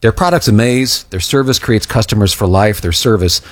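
A man's voice: fairly low pitch, normal speed. A man, a radio host, delivering a scripted sponsor read with testimonial copy.

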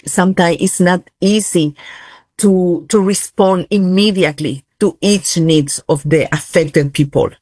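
A woman speaking as a live interpreter, translating an interview in a halting way with fillers and restarts. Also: fairly low pitch, a little mellow, husky, no echo.

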